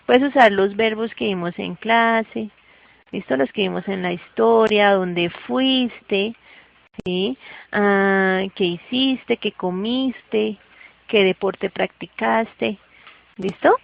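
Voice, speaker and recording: A woman's voice: mid-range voice, slow pace, creaky, dull audio. A woman teaching a lesson patiently, often stopping to check that her student understands. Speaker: English teacher. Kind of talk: classroom teaching.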